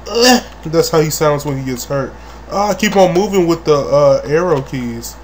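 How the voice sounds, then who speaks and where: A man with a somewhat high voice calls out a video game as he plays, swearing freely and jumping into loud yelps. He sits at a home desk mic with soft keyboard clicks in the background. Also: moderate pace, a little hiss or hum. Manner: crude, profane, with sudden loud outbursts. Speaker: gaming channel host. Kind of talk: let's play commentary.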